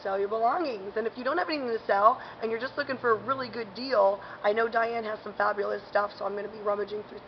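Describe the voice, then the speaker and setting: A woman's voice: on the high side, steady tone, quick pace, hardly any pauses, highs cut off, slight background noise. A woman hosting a casual local events vlog, talking in a chatty, upbeat way with lots of fillers, outdoors in a parking garage while chewing gum. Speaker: host.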